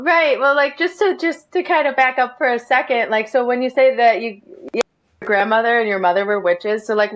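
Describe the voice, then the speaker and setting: A chatty woman hosting a podcast interview, her voice carried on a dull, slightly lo-fi recording. She talks loosely and warmly engaged, peppering her thoughts with fillers as she riffs on a topic. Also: mid-range voice. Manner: chatty, many fillers like "you know". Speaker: podcast host. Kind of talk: casual interview chat.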